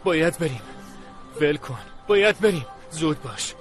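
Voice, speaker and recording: A man's voice: on the high side, lively intonation, music in the background, close to an everyday voice. A man voicing an insistent police commissioner. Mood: urgent. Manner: urgent, insistent. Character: urgent male police commissioner. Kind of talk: Persian dub of a TV drama.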